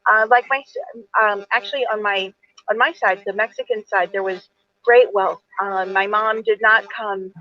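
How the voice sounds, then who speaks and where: Her voice is mid-range and steady, at a normal speed, captured in dull audio. She is a woman in her forties, an attorney and event moderator, conversing earnestly on a video call for a virtual author event, rambling slightly and using many fillers.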